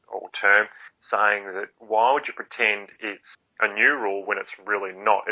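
An Australian man discussing sport as a panellist, explaining in a hesitant, roundabout way. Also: lowish voice. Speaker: podcast panellist. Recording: thin phone-line sound.

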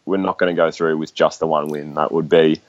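Deep-voiced Australian man chatting sport. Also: level tone, brisk, no echo, lo-fi sound. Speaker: sports podcast guest. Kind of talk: casual sports discussion.

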